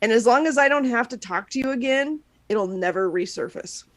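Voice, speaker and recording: A woman's voice: fairly high pitch, expressive, fairly quick. A woman co-hosting a casual podcast, explaining things in a wry tone. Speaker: podcast co-host. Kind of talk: casual chat.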